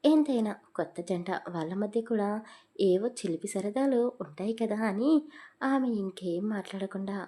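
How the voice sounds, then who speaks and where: A woman storyteller reading a scripted romantic audio story in a steady, expressive way. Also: mid-range voice, moderate pace.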